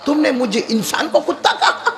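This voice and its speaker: A man's voice: very high voice, expressive, a bit bright, slight background noise, voice pushed up. A man voicing a proud learned physician who lectures and protests indignantly.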